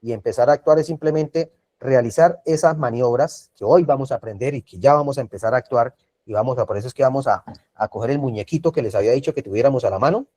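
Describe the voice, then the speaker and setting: Man teaching first aid on a video call, mellow voice. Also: mid-range voice. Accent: Colombian Spanish. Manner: repetitive, checks in with frequent tag questions. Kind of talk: online class lecture.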